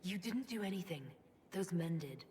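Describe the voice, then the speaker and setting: An actress playing a composed woman leader speaking calmly and measuredly in video game dialogue. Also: on the low side, normal speed, big-room sound, a little hiss or hum, natural voice.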